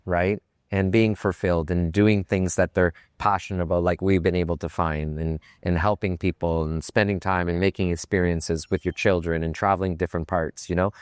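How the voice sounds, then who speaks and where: A male podcast host with a very low, smooth and resonant voice, speaking thoughtfully and feeling his way through each point. The recording is close and dry. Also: fairly even intonation, normal speed, few pauses, dry recording. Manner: reflective, hesitant, many "you know"s. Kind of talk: casual podcast conversation.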